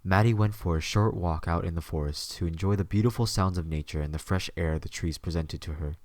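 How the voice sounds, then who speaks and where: A low-voiced man reads a scripted story with a darkish tone. The recording is close and dry, with no room sound at all.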